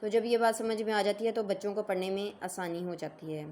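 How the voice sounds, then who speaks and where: A woman's voice: mid-range voice, a little mellow, a little hiss or hum. A woman teaching Quran reading, patiently explaining and stretching out syllables for learners to repeat. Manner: patient, drawn-out syllables for repetition. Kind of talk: slow lesson, reading letters aloud.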